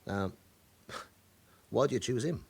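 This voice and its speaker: In a radio drama, a male actor plays a forty-year-old London club owner with an underworld past who is evasive and chatty. His mid-range voice is slow, a little mellow and husky, and he sounds defensive.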